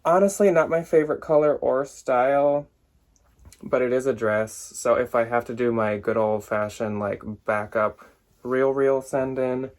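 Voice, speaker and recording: A man's voice: medium pitch, steady tone, measured pace, a little mellow. A young man chatting casually through a thrift haul for resale, filled with "like" and small asides, now and then a bit out of breath. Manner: chatty, lots of "like", loses track and laughs at himself. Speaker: thrift reseller vlogger. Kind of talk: casual haul talk to camera.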